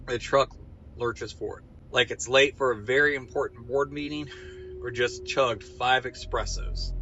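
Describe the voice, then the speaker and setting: Bright-voiced man telling a wry comic story. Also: medium pitch, dull audio, a little hiss or hum. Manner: dry, wry asides and punchlines.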